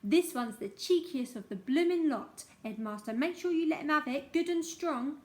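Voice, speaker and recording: A woman's voice: high voice, lively intonation, moderate pace, a little mellow. A woman voicing a tiny, loathsome woman who shrieks and gloats with glee in a storybook reading. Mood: gloating shriek.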